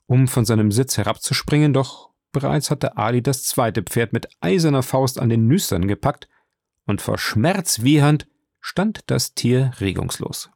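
Gravelly male audiobook narrator. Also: medium pitch, darkish tone, no room sound, clean studio sound.

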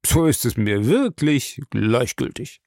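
A man voicing a smooth-talking, evasive male bar owner in an audiobook, lifting his voice higher and giving it a changed tone. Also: sing-song, takes it slowly, darkish tone, no room sound, clean studio sound.

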